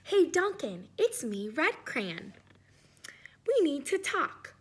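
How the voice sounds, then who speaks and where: A woman's voice: high voice, very animated, slow pace, voice pushed up, heavily acted. A woman voicing an overworked, put-upon red crayon in a storybook, complaining with emphasis. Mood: weary complaint.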